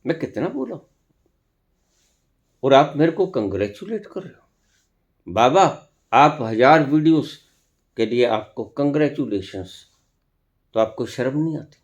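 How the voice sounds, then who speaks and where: A man speaks as a spiritual teacher in an unhurried discourse, leaving long pauses between phrases. His pitch sits in the middle of the male range but swings widely. He often turns on his listeners with pointed rhetorical questions. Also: lively intonation, a little mellow, lo-fi sound.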